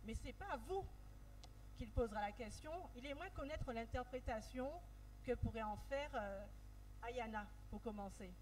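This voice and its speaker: A woman's voice: fairly high pitch, moderate pace, a little mellow. A woman moderating a live round-table, speaking into a handheld microphone and handing over to guests. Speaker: panel moderator. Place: dark event stage at an art fair. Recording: noisy live venue with long reverb.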